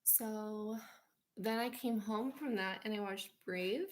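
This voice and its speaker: A woman's voice: medium pitch, slow pace. American woman vlogger, drowsy, dreamy, rambling storyteller. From United States. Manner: dreamy, meandering, many fillers and "like". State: sleepy.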